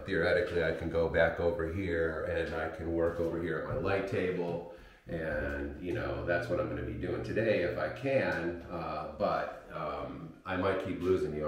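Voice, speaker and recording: A man livestreaming from his home darkroom, talking in a rambling, apologetic way with many fillers, his voice carrying a heavy booming room echo from the camera's built-in mic. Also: fairly even intonation, moderate pace. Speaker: photographic printmaker livestreaming. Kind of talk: casual live stream chat. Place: home darkroom workspace with sink. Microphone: camera's built-in mic, wireless mic failed.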